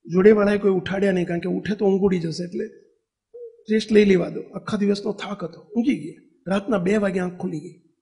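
A preacher with a Gujarati accent delivers a devotional sermon, telling stories and asking the audience questions. His high voice is warm and steady in tone, and he speaks fairly quickly.

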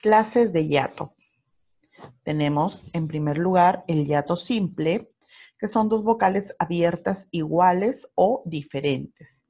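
A Peruvian woman teacher giving a recorded grammar lesson to primary school children. She speaks slowly and deliberately in a fairly low voice, pausing over each example word. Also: dark tone. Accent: Peruvian Spanish. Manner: slow, careful explanation with spelled-out examples.

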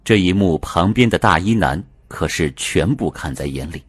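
A man's voice: deep voice, expressive, normal speed, slightly rough, no echo. A man narrating an audiobook in the first person, telling the story expressively.

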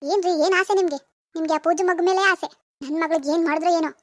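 A woman's voice: very high voice, fairly even intonation, fast talker, no room sound. A woman voicing a furious middle-aged mother in a cartoon who accuses her daughter's in-laws. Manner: accusing, shouting blame. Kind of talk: animated cartoon voice acting.

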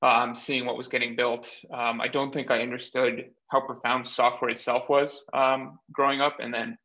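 Speaking from a small room over a video call, a Bulgarian man in his thirties, a startup cofounder, recounts his background as an interview guest, measured and pausing often. His delivery is flat, medium-pitched, pushed and bright, and the webcam or laptop mic yields dull, lo-fi sound.

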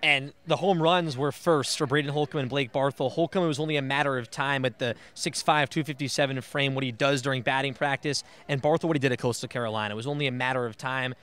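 A man's voice: medium pitch, fairly even intonation, fast talker, hardly any pauses, a bit bright. Young male sports analyst rattling off stats. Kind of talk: postgame recap. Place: outdoors on a baseball field. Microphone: handheld mic.

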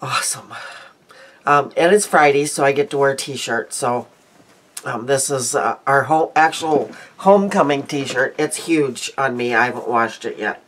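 An older Midwestern woman, a beauty vlogger, chats casually to the webcam at her desk in a small, cluttered room at home. Her voice is extremely low and measured, her nose congested, and she rambles chattily, interrupting herself and restarting sentences.

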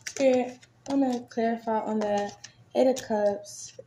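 A woman with a slightly high, steady voice speaks a little slowly as she chats through a casual tarot reading. She curses freely and leans on many fillers, and the echoey room has some faint noise.

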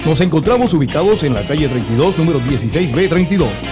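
Lively Caribbean Colombian radio ad announcer. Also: male voice, a little high. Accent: Colombian Caribbean coast. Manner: brisk, punchy sales delivery. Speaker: advertising announcer. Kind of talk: radio ad reading. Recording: lo-fi radio recording with music behind.

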